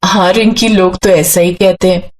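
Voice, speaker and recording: A woman voicing a kind young bride who calmly talks others out of fighting. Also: lowish voice, normal speed, lightly acted.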